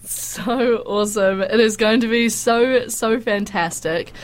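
A woman's voice: on the high side, takes it slowly, a little hiss or hum. A woman with a stuffy nose from a cold, hosting a radio interview in an effusive, encouraging way. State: has a head cold. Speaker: radio breakfast show host. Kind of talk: friendly live radio interview.

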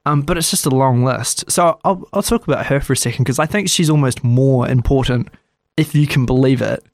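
Chatty man with a gravelly voice. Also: medium pitch, brisk, dry recording. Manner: chatty, sarcastic, acts out quotes. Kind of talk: casual history chat.

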